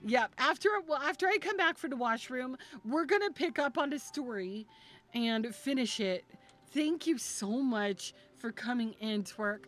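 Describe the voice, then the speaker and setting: A woman streaming as a VTuber, rambling and gushing with many restarts while she chats with her viewers. She sounds emotional, and her voice sits fairly high. Faint game music plays behind her. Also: a bit bright. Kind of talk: casual live-stream chat.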